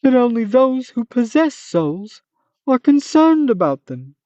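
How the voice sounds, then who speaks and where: Voicing a fierce monster turned solemn philosopher, the Manticora, the reader is very animated, high-pitched, loud and theatrical, going a little slowly. The grand, solemn read has no room sound, though the recording is dull and muffled.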